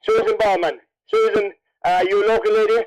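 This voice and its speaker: A man's voice: high voice, fairly even intonation, brisk, a crowd in the background, rough recording. An Irish man working as MC at an event, announcing and interviewing people in a jokey, teasing way. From Cavan, Ireland. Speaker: MC of a best dressed contest at horse races. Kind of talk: announcing and interviewing over a public address.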